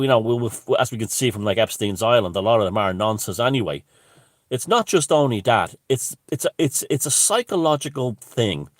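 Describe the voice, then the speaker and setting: A man's voice: medium pitch, dry recording, clean studio sound. An Irish man giving an unscripted, opinionated monologue, speaking emphatically with swearing and broken restarts. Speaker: commentator.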